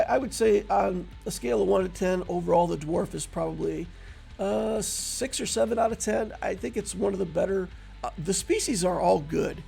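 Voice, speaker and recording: A man explaining a tabletop role-playing character build in a casual, relaxed, conversational way, with frequent fillers. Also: high voice, gravelly, slightly rough. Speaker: tabletop game build creator.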